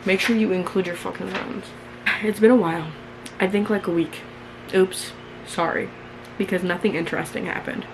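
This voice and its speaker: A woman's voice: mid-range voice, steady tone, normal speed. A young American woman in her early twenties reads her old diary aloud in a candid, mildly embarrassed way, with chatty, sweary, self-mocking commentary. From New York, United States. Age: early 20s. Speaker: vlogger. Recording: clearly noisy room ambience.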